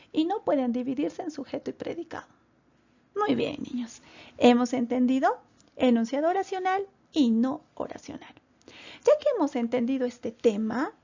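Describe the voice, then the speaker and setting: Woman teacher, slow and deliberate, gravelly high voice, talks straight to the kids. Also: dark tone, lo-fi sound. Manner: slow, deliberate, addressing children directly. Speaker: primary school teacher. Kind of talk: recorded grammar lesson for children.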